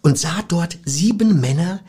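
Annette-style film critic voiced by a man, a chatty, self-assured woman, rambling plot recap full of fillers, very husky and breathy tone, lively swooping pitch, comedy sketch review. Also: a little slow. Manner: rambling retelling with filler words.

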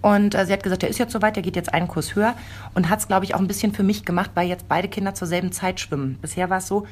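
A woman in her forties, chatting casually and telling a family story with animated quoted voices. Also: medium pitch, fast. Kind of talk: casual chat.

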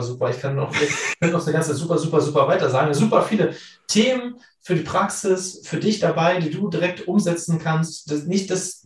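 A man's voice: on the high side, distant mic. A man hosting a podcast, coaching his listeners with many casual fillers. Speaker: podcast host. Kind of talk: podcast chat and wrap-up. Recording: roomy sound from off the mic.

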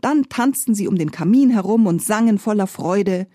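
A woman narrating a fairy tale in a slow, gentle and expressive way, close to the mic. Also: mid-range voice, dry recording. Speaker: storyteller.

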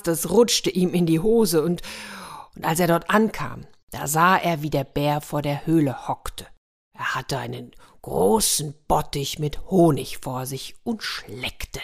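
A woman tells a children's story with dramatic, expressive narration. Her voice sits low for a woman. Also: slow, creaky, husky. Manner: dramatic, sound-painting delivery.

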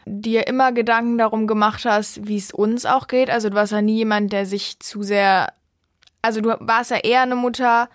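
A woman's voice: a little high, steady tone, no echo. Argumentative young woman, dry close voice. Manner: argumentative, quick to object, laughs often. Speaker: podcast guest, host's daughter. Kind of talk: casual podcast chat.

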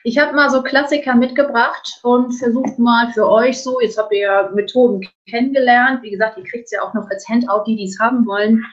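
A woman's voice: a little high, a little fast, few pauses, highs cut off. A middle-aged woman with a northern German accent teaching a webinar on customer objections, acting out customer dialogues. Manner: lively, acts out customer dialogues. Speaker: sales trainer.

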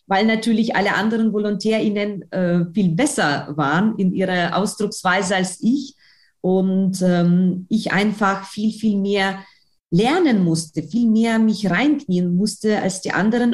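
In a medium-pitched, darkish voice at a measured pace, a non-native German speaker from outside Germany recounts her own experiences in an interview. She edits a newspaper and trains trainees, speaks with a foreign accent, and repeats words to stress them.

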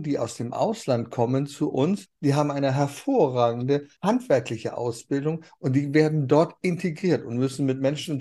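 A man's voice: medium pitch, mellow, slightly rough. A man hosting an interview, who also advises founders, asking enthusiastic and mildly provocative questions. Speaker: interview host, business advisor. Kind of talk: conversational interview.

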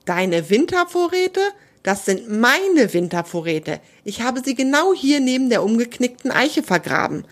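A woman voicing a small, excitable male squirrel in a children's storybook reading. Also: mid-range voice, normal speed. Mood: indignant.

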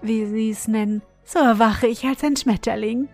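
A woman voicing a cheerful, dreamy cabbage caterpillar in a storybook tale, with a bright, delighted manner. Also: a little high, fairly even intonation, moderate pace, faint music behind.

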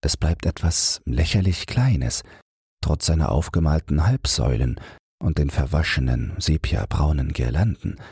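A man reads a bedtime audiobook with a very deep, breathy, husky voice. His pace is slow and soothing, and the recording is dry and close to the mic. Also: dry recording. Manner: slow, soothing, even reading. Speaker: audiobook narrator. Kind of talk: calm bedtime audiobook reading.

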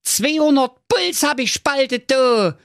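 A man's voice: expressive, slow, gravelly, no room sound, clean studio sound, full character voice. A man voicing a cheeky, whiny young Aladdin, brash and cursing. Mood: furious. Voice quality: squeaky, shrill put-on voice.

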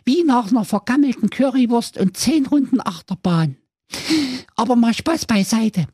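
A man's voice: expressive, moderate pace, dark tone, husky, no echo, studio quality, heavily acted. A man voicing the smallest of seven little goat kids, a cheeky, foul-mouthed youngster blurting out a wild confession in a comic tale. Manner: squeaky, brash, rattling off a wild confession. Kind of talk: comic storytelling.

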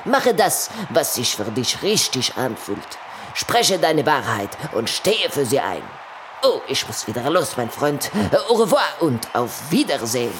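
Casting: a kind butterfly with a lively, sing-song voice and a soft, gentle delivery. Children's radio play, with noise audible behind the voice. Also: medium pitch, a little slow. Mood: gentle advice. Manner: gentle, calm advice-giving. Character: friendly wise male butterfly named Gérard. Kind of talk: children's audio drama acting.

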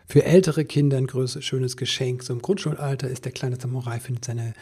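Male narrator, children's story reading, gravelly voice, very husky tone, calm expressive delivery. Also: medium pitch, a little fast. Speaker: storyteller and podcast host.

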